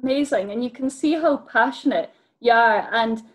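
A woman's voice: fairly high pitch, normal speed. A woman, hosting an interview over a video call in a friendly, encouraging way. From Dumfries and Galloway, Scotland. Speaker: host. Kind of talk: remote interview. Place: bright home room.

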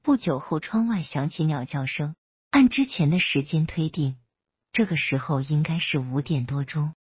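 A woman storyteller reading a romance story aloud in a soft, even manner. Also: deep voice, moderate pace, slightly rough, no room sound, muffled recording.

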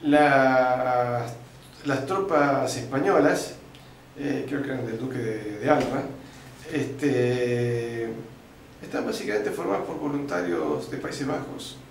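An Argentine man lays out history like a patient lecturer, pausing on "eh" and "este" and now and then clearing his throat. His voice sits at an ordinary middle pitch. It rings around a very echoey room with a faint hiss of noise underneath. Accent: Argentine Spanish. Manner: didactic storyteller, uses fillers like "este" and "eh", clears throat often. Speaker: interview guest.

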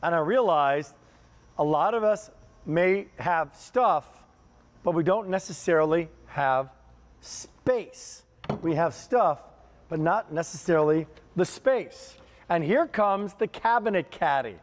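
A man's voice: on the high side, expressive, unhurried, big-room sound. An American man hosting live home shopping, selling in an enthusiastic, folksy patter. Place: home shopping television studio with kitchen set.

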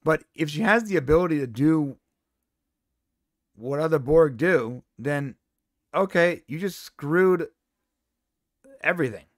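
A man's voice: fairly high pitch, lively intonation, measured pace, long pauses, no echo, clean studio sound. A man co-hosting a casual review podcast, ranting in an exasperated, emphatic way from a home setup. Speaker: podcast co-host.

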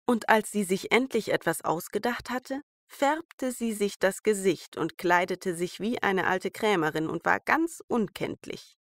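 Female storyteller, German fairy tale bedtime narration, slow pace, dry close sound. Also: medium pitch, no room sound. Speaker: podcast storyteller.

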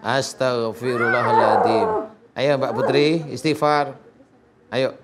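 A male preacher talks in a coaxing, joking way during a healing session. His pitch sits a little high, and people chatter loudly behind him. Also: normal speed. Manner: coaxing, joking, then chanting Arabic prayers. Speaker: Islamic preacher performing an exorcism.

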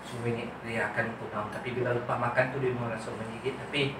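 A man's voice: mid-range voice, steady tone, fast, fairly bright tone, a little hiss or hum. A man, casually giving his verdict to viewers during a meal at home. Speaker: family mukbang vlogger. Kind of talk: casual chat to viewers while eating. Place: small bare room at home, dining table. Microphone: camera a few metres away. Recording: very echoey room, distant mic, clattering dishes.

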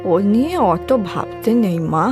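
Calm old granny in a cartoon, deep slow voice, music under it, woman putting it on. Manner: slow, low and soothing. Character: elderly grandmother, calm and commanding. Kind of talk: cartoon voice acting.

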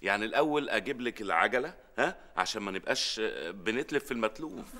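A man's voice: lowish voice, expressive, very fast, lightly acted. An actor playing a harried middle-aged father, sarcastic and exasperated, in a sitcom. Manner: exasperated, sarcastic, rises to shouting rants. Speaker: sitcom lead. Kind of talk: sitcom acting.

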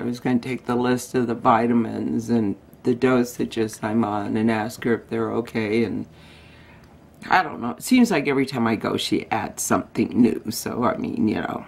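Gravelly-voiced woman rambling in a vlog. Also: very deep voice, poor audio. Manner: chatty, digressive, self-interrupting. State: losing her voice. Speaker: vlogger. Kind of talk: casual rambling vlog chat.

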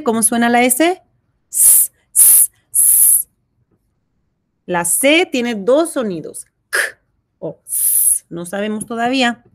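A woman teaching a kindergarten phonics lesson, sounding out letters and syllables one by one and praising the children. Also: medium pitch. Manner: sounds out letters and syllables slowly, warm encouragement.

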